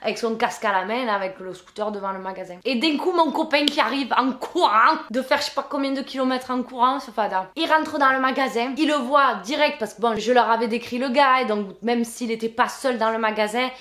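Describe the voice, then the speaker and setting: A young woman tells a storytime vlog in a fairly high voice. She talks in lively slang, swears freely and plays out each scene. The room around her rings with echo. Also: brisk, few pauses. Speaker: storyteller vlogger.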